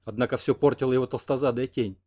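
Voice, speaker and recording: A man's voice: mid-range voice, steady tone, quick pace, dark tone. A man narrating an audiobook expressively, voicing each character. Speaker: audiobook reader.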